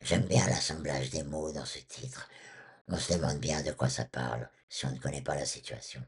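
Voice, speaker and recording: A man with a honking, duck-like, husky voice from vocal cord surgery, telling anecdotes as an interview guest. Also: rumbling low, steady tone, normal speed. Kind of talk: storytelling in an interview.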